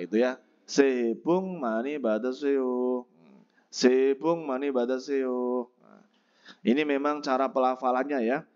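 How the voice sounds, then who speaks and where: A man teaching a Korean textbook lesson, explaining pronunciation and slowly repeating each word for practice. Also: mid-range voice, muffled recording.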